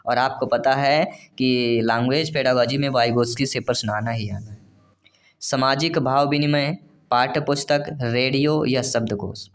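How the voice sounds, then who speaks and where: A male coaching teacher giving an online exam-prep lesson, reading each question slowly, then explaining it plainly and calling viewers dear friends. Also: mid-range voice, steady tone.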